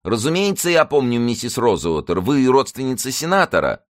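A man's voice: mid-range voice, big pitch swings, moderate pace, dry recording, studio quality, voice pushed up, natural voice. A man reading an audiobook, voicing a fussy, effeminate middle-aged shopkeeper in an affected manner. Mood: prying.

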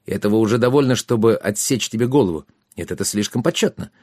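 A proud young nobleman, as a man plays him, lecturing in a stern, haughty tone. The voice is dark and mellow, and the read is dry and close. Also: on the low side, fast talker, no echo, close to an everyday voice.

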